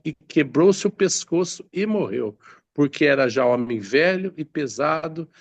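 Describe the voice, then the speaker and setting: A man's voice: a little high, creaky, no echo, muffled recording. A man preaching a sermon, reading scripture aloud and explaining it with many hesitant fillers and restarts.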